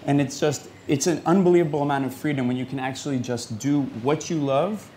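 A young man from New York City giving a personal talk to an audience in an earnest, conversational and excited way. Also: fairly high pitch, a little fast, a little hiss or hum. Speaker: conference speaker.

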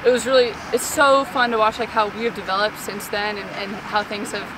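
A woman's voice: medium pitch, little pitch movement, brisk, far from the mic, noisy background. A young woman, a college goalkeeper, giving eager postgame answers with repeated phrases, outdoors at a field at night. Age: young adult.

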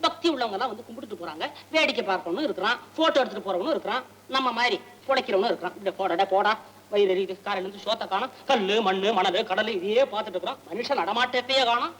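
A man's voice: sits high, rapid-fire, fairly bright tone, slight background noise. An actor playing a poor, wisecracking male tour guide in an old film comedy, rambling with mock English. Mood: scheming. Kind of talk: 1960s film comedy acting.

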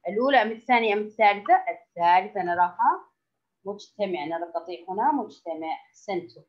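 A woman teacher leading a recorded lesson for young children, her voice sitting at an ordinary middle pitch. She quizzes the class, stretches important words out slowly and keeps praising their answers. The recording sounds somewhat dull and muffled. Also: lively intonation. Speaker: first-grade Arabic teacher.

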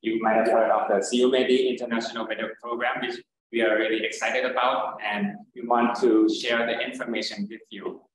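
A man's voice: mid-range voice, level tone, fairly quick, heavy reverb, crowd noise, poor audio. A man, an attending doctor, co-presenting an online information session with many hesitant fillers.

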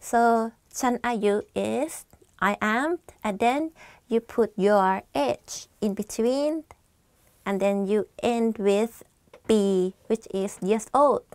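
Twenties Thai woman, language-lesson host, a bit high and gravelly, close dry sound. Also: moderate pace, a little mellow, no echo. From Thailand. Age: 20s. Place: small studio, plain backdrop. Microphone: lapel.

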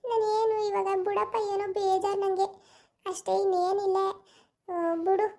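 A woman's voice: very high-pitched, flat delivery, normal speed, mellow. A woman voicing a humble, tearful old village aunt in a cartoon, with a pleading, self-reproaching manner. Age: older. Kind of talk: cartoon voice acting.

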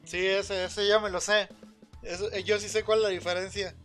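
A man's voice: high-pitched, level tone, moderate pace, fairly bright tone. A man with a Mexican Spanish accent casually commenting while playing a fighting game on a live stream, chatty and slangy, laughing at his own jokes. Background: game music.

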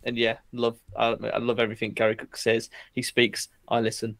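A man's voice: medium pitch, monotone, fairly quick, fairly bright tone, no room sound. A man, a guest on a casual podcast, talking in a rambling, hesitant way. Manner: rambling, hesitant, many fillers and restarts. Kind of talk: casual chat.

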